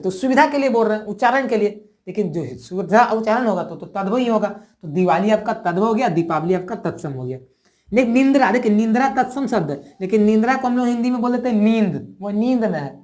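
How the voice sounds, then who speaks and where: A woman explains a grammar lesson at a middle pitch. She repeats each example word several times and keeps turning to her viewers with questions. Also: a little mellow. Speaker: teacher.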